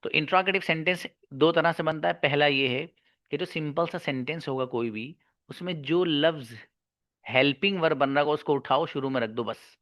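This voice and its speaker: A man teaching an online English grammar lesson. He asks his students questions and answers them himself, repeats key words, and draws out English example sentences slowly. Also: fairly high pitch, fairly bright tone, no room sound, clean studio sound.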